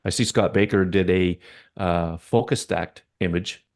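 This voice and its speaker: A Canadian man hosting a podcast, his voice sitting low and gravelly with a lot of fry. He rambles through casual chat, full of ums and restarts. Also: a little slow, a little mellow. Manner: rambling, with many fillers and restarts. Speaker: podcast host.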